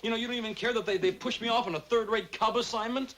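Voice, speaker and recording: An actor playing a harried young newspaper reporter, exasperated and stammering, in a 1960s sitcom. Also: male voice, very high-pitched, steady tone, fast, a bit bright, a little hiss or hum. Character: harried young male reporter, put-upon nephew.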